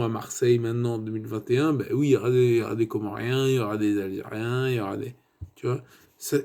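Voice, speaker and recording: Man, 30s, mid-pitched and mellow, digressive casual film reviewer. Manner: rambling and digressive, many fillers and tu vois asides.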